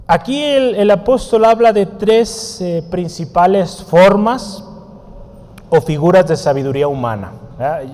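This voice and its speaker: A man's voice: on the high side, mellow. A man giving a teaching sermon in a conversational way, asking the congregation questions and writing on a board as he explains. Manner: writes on a board while teaching. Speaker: preacher. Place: church hall. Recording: long church hall reverb.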